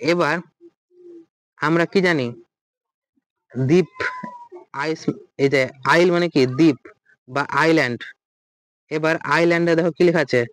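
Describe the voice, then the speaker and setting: Bengali man teaching vocabulary, crisp voice. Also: fairly high pitch, dry recording, rough recording. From West Bengal, India. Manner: asks questions and answers them himself. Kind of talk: exam-prep vocabulary lesson.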